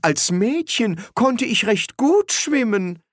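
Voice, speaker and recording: A man voicing a stout, fussy elderly housekeeper woman in a high put-on voice, politely worried. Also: sing-song, slow, no echo, clean studio sound, exaggerated voice. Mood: fretful. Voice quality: high put-on falsetto, slightly distant timbre.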